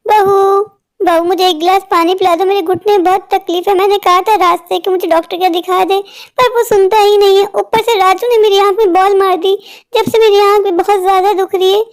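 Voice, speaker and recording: A woman's voice: very high voice, fairly even intonation, fairly quick. A woman voicing a weary, ailing old mother. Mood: weary pleading. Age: older. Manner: weary, complaining, pleading. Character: elderly mother, ailing and neglected, complaining. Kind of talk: animated cartoon voice acting.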